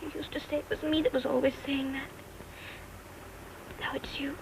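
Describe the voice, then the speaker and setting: An actress playing a gentle young castaway mother, speaking softly and earnestly in 1940s film style. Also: high-pitched, level tone, normal speed, vocal fry, noisy background. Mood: tearful. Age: young adult.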